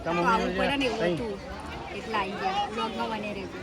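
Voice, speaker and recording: A chatty woman vlogs to her viewers on her phone, talking in an easy, middle-pitched voice. Crowd chatter surrounds her at a busy family gathering, partly outdoors. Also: fast talker. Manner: chatty, addresses viewers as guys. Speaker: vlogger. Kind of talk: casual vlog chat. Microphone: handheld phone.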